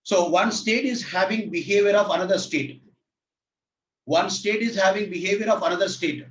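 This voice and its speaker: Through a dull, distant, echoey laptop mic with slight background noise, a man lectures online about state reduction at a normal speed. His voice is high and fairly bright despite a sore throat, and he goes over every point again, checks that he's audible, and addresses listeners as "sir."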